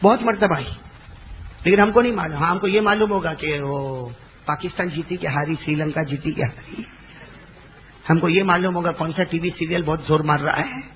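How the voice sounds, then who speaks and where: A man preaching a devotional sermon who chants verses in a slow, drawn-out melody and urges the audience to answer him aloud. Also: on the high side, fairly even intonation, phone-quality sound, a little hiss or hum. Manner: calls on the audience to respond aloud.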